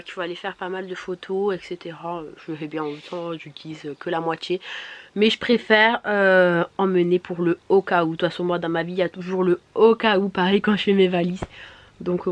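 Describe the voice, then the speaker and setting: A woman chatting casually in a vlog, her voice hoarse, congested and duck-like from swollen tonsils, speaking in a chatty, hesitant way. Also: on the low side, lo-fi sound. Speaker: vlogger. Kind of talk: casual vlog chat to camera.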